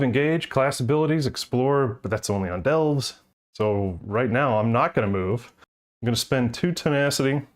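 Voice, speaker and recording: A man streaming a solo board game, out of breath, thinking aloud and muttering the rules to himself. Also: mid-range voice. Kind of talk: thinking aloud while playing.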